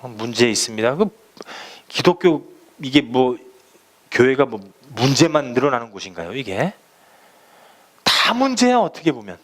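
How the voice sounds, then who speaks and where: Lively, animated Korean-speaking male pastor. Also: medium pitch, a little slow, long pauses. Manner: lively, conversational preaching that acts out prayers and quotes in sudden loud bursts. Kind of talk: sermon.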